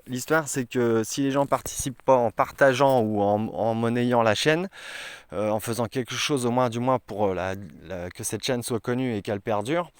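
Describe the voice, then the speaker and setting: A man's voice: medium pitch, dry recording. A man vlogging outdoors in a forest, talking earnestly and rambling with many hesitations. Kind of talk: casual vlog talk to camera.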